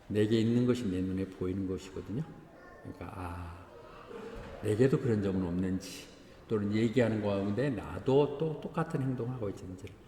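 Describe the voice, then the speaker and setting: A man's voice: on the low side, a little mellow. Korean pastor guy preaching, chatty sermon w little acted bits, big reverby church hall, faint hum behind. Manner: conversational preaching, breaks into acted dialogue, chuckles at congregation. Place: church sanctuary.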